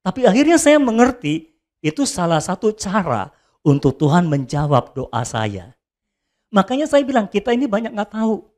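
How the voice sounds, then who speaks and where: A man preaching a sermon as a pastor, swinging between loud high calls and soft low asides. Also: sing-song, moderate pace.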